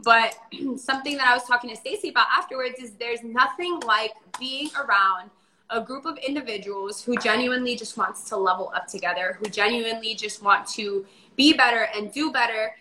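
A woman's voice: on the high side, fairly quick, sharp tone, low-quality recording. A young woman co-hosting a casual live chat, chatty as she reads out viewer comments. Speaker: podcast co-host.

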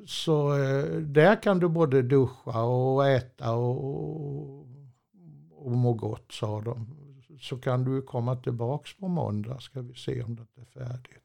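An older man with a gravelly, creaky voice tells old road stories. He talks in a chatty, meandering way, stops and restarts, and chuckles often. His pitch sits in an ordinary middle range. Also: a little mellow. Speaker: storyteller, former truck driver. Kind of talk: rambling anecdotal storytelling.

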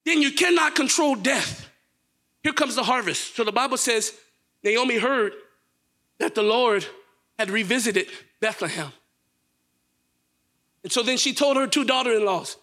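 A young male preacher delivers a sermon in a church with a very high, bright voice. He swings between quiet storytelling and shouted, fervent preaching. He keeps calling out to the congregation for a response. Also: unhurried, pauses often.

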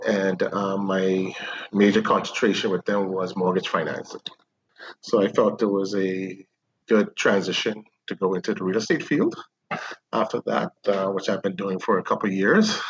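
A Bahamian man in his fifties, a real estate agent answering interview questions in a measured, explanatory way with frequent ums. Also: deep voice, dull audio, a little hiss or hum. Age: 50s. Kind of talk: remote interview.

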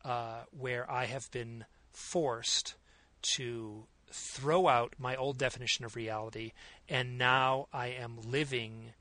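A man's voice: mid-range voice, fairly even intonation, slow pace, sharp tone, no echo. A man hosting an interview, responding in a reflective, enthusiastic way. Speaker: interview host. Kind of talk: conversational interview.

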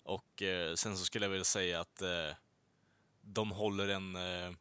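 A man's voice: low-pitched, steady tone, pushed and bright, smooth, dry recording. A man chatting casually as a podcast co-host, rambling with many filler sounds and casual swearing. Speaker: podcast co-host reviewing films and music. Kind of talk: casual chat.

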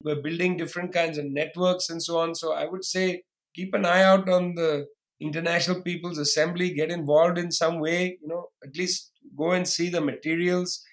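Male guest, fairly high voice, rapid and forceful delivery, with sarcastic asides. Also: fairly even intonation. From India. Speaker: guest historian. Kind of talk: podcast interview.

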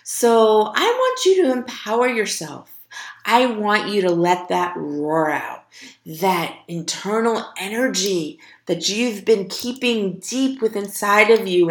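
Slow, gravelly-voiced woman podcast host. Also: mid-range voice, expressive, reverberant. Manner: encouraging, earnest, speaks slowly with emphasis. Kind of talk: motivational podcast monologue.

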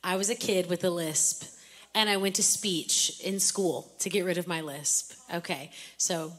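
A woman's voice: lowish voice, a bit bright. A woman co-hosting a conversational Bible teaching, reading scripture aloud with enthusiasm. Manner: enthusiastic, reads scripture aloud, quick to laugh.

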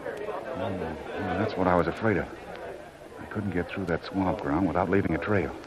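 Jungle Jim, a deep-voiced hero. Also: male voice, moderate pace. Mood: excited. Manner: muttering to himself, excited. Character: bold adventurous male jungle hero. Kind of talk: 1930s radio drama acting. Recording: dull old radio with hiss and crowd noise.

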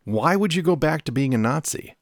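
A man's voice: a little high, lively intonation, fairly quick, dry recording, clean studio sound. A man co-hosting a casual film review chat, rambling with fillers and restarts. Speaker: podcast co-host.

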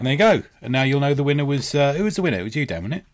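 A man's voice: medium pitch, very animated, rapid-fire, loud music behind the voice. A man co-hosting a casual comics podcast, jokey and bantering. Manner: jokey, banters and laughs often. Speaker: podcast co-host. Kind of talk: casual chat. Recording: loud background noise.

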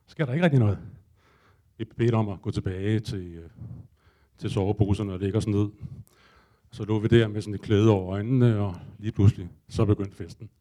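With a warm, fairly low voice, a man tells a comic first-person story to a live audience. He acts out his own panic and inner thoughts, swearing casually along the way.

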